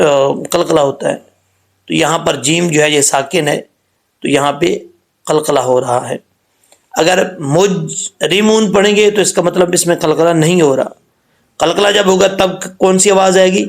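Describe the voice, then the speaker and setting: A man giving a Quran recitation lesson, who explains each rule patiently and slows down to model the sounds. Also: a little high, gravelly.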